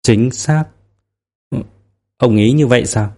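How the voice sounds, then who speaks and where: A man's voice: mid-range voice, slow pace, dark tone. A man voicing a wary, candid young man in an audiobook, speaking earnestly and a little guarded. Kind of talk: audiobook character reading.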